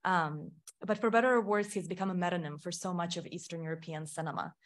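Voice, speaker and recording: Talking fast in a lowish voice with fairly even intonation, this film scholar from Ukraine, a middle-aged woman, presents a thoughtful academic panel talk in a lecture hall, frequently making small self-corrections.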